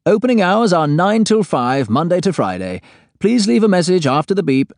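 A man's voice: high voice, sing-song, normal speed, a little mellow, dry recording, clean studio sound, pitched above the performer's own voice. A man voicing a polite, formal female answering-machine greeting for an office. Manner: polite, formal, recorded-message cadence.

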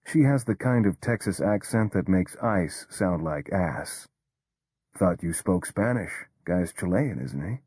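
Narrating in the first person, a deep, husky-voiced man sounds animated yet restrained and understated, with a darkish tone. It's recorded close and dry, without any room sound.

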